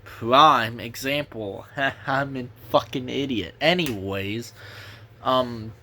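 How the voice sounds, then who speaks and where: A man's voice: medium pitch, takes it slowly, bright, forceful tone, a little hiss or hum. A young man with a sore throat gives a casual, rambling movie review, restarting his sentences and swearing now and then.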